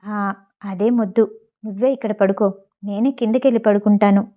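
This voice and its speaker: A woman voicing an irritated, reserved young married man who speaks low and curt in a storybook reading. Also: measured pace, warm tone, natural voice.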